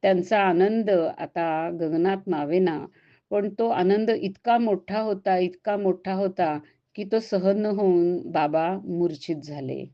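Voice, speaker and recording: Woman reading a devotional story, soft and expressive, lower voice, kinda muffled audio. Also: takes it slowly. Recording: dull lo-fi recording.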